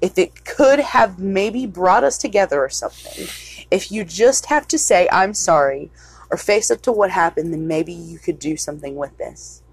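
A bitter, grieving mother scolding her teenage son, her words heavy with resentment and reproach, as a woman quotes her from a film. The voice is husky and somewhat low, close and dry. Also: moderate pace, no room sound, rough recording. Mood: resentful.

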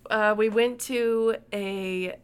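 A woman's voice: mid-range voice, fairly even intonation, very slow, clean tone. A young woman co-hosting a casual podcast chat, easygoing, often agreeing and laughing along. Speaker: podcast co-host.

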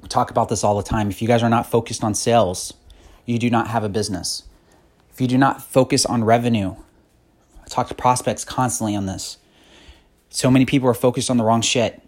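Podcast host, man, 30s, husky, blunt and profane, hard-driving motivational rant. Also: medium pitch, steady tone, a little fast, darkish tone. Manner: blunt, profane, increasingly fired-up. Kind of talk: motivational monologue.

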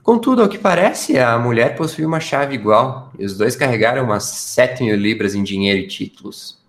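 A man's voice: mid-range voice, animated, moderate pace, close to an everyday voice. A man playing a detective's earnest, impressionable companion in a radio drama, recounting findings expressively. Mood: earnest reporting.

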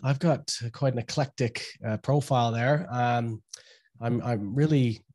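A man's voice: medium pitch, unhurried, a little mellow. A Canadian man in his thirties, from around Toronto, talking plainly as an academic guest on a podcast. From Canada, Toronto area. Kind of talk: casual interview talk.

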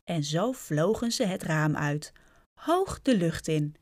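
A woman's voice: fairly low pitch, expressive, slow pace, a little mellow, no echo, studio quality. A woman reading a children's storybook aloud, speaking directly and expressively to young listeners.

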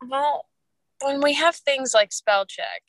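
A woman's voice: sits high, slow, a bit bright, dry recording. A woman in her late twenties, a mother and wife, chatting casually on a podcast in a rambling, reflective way. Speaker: podcast co-host. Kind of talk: casual chat.

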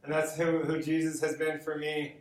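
Heard from far off the mic in a roomy, echoing space, a man from Los Angeles, United States, preaches as a guest. His fairly high voice is monotone at a normal pace as he shares personal stories in an informal, conversational sermon, repeating words for emphasis.

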